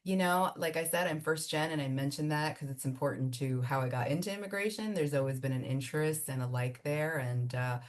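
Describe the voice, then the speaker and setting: A woman from Miami whose first language is Spanish speaks in a low voice. She is an immigration attorney explaining her career in a chatty, animated interview manner, with frequent fillers. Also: brisk, hardly any pauses. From Miami, United States. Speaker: immigration attorney and law firm founder. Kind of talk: conversational interview answers.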